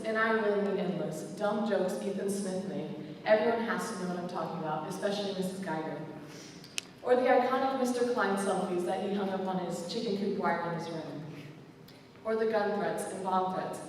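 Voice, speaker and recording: A woman's voice: medium pitch, slight background noise. Teen girl, joking graduation speaker with a put-on British accent, heard far off in a hall with long reverb. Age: teens. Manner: playful, self-mocking British put-on accent. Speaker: student speaker. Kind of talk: graduation speech.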